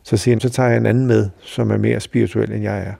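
A middle-aged Danish man telling a personal story in a halting, reflective way, with many fillers. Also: lowish voice, flat delivery, creaky, warm tone, dry recording, clean studio sound. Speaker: interviewee recalling a friend.

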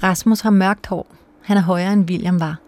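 A woman narrating a documentary in a calm, measured, soft-spoken way. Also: fairly low pitch. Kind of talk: scripted narration.

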